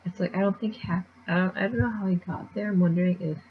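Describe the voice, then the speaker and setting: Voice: medium pitch, steady tone, fast, faint music behind. Rambling casual chapter recap, muffled lo-fi. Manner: rambling, many fillers and restarts. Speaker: manga chapter reviewer.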